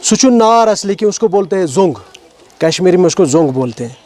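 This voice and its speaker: Kashmiri-accented male walk leader, fairly high pitch, talks to schoolchildren outdoors, explanatory, asks them questions. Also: animated, a little mellow. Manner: explanatory, asks questions of the children, mixes in English words. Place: outdoors at a stone heritage site.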